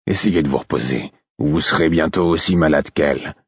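A man reading aloud and voicing a gruff but kindly working man who speaks in a gentle, plain-spoken way. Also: rumbling low, a little fast, dry recording, dull audio. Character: gruff, kindly man with big tanned hands. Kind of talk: audiobook reading.

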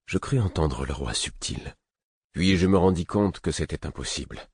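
A man reading a novel aloud in the first person, measured and expressive. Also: a bass voice, slightly rough, no room sound, clean studio sound. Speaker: audiobook narrator.

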